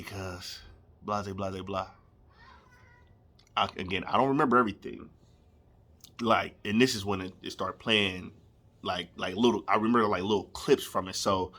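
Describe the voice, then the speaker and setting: A man's voice: lowish voice, fairly bright tone. A young man, telling a comedic story casually and animatedly, laughing and acting out scenes. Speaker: storyteller vlogger.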